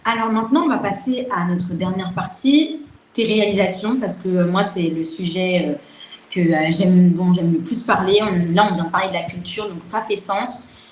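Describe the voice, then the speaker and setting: A woman's voice: on the low side, normal speed. Woman hosting a podcast, encouraging, echoey room, bit of hiss. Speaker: podcast host. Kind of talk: interview conversation. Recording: roomy sound with faint noise.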